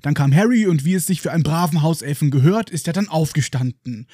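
A man's voice: on the high side, fast talker, dark tone, husky, dry recording, clean studio sound. A man with a German accent hosting a podcast, retelling a book chapter with ironic, playful commentary. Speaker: podcast host.

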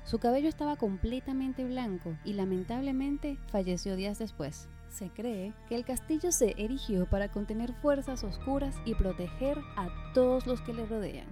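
A woman's voice: fairly high pitch, expressive, moderate pace, hardly any pauses, mellow, soft background music. A woman hosting a podcast, giving a scripted narration and speaking to her listeners affectionately. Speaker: podcast host.

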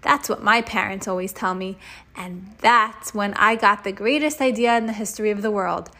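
A woman reading a children's chapter book aloud in a lively way, stopping to explain words to a child. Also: mid-range voice, normal speed. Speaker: storybook reader.

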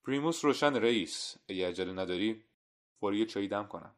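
A man's voice: on the low side, expressive, lightly acted. A man voicing a humble, hospitable shoemaker who speaks deferentially in an audio story. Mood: obliging. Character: friendly humble male shoemaker.

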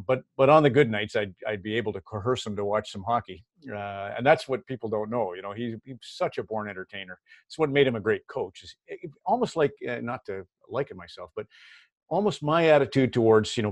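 Brief: middle-aged Canadian man, low voice, dry close recording, casual anecdotal interview talk with stop-start restarts. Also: fast talker, no room sound. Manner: conversational, repeats words when starting a thought. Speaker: hockey broadcaster guest.

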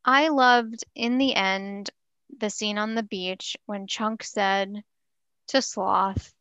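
A woman co-hosting a casual movie podcast, wry and soft-spoken, laughing as she talks. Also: medium pitch, steady tone, takes it slowly, clear, resonant tone, dry recording. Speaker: podcast co-host. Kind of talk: casual chat about a movie.

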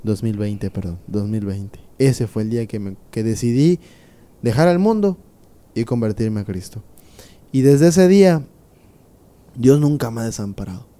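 A young man giving an earnest, casual conversion testimony, going softer and slower at emotional moments. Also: mid-range voice, animated. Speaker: interviewee sharing a conversion testimony.

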